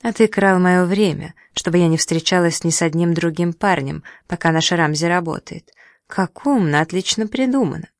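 A reader doing a sharp-tongued angry young woman. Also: lowish voice, normal speed, no room sound, studio quality, natural voice. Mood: sarcastic. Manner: sarcastic, indignant. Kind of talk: audiobook dialogue.

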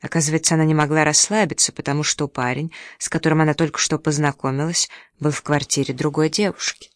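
An audiobook narrator reads a novel with a measured, even delivery. The voice sits at a middling pitch. It is recorded close and dry with no room around it. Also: no room sound. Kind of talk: scripted narration.

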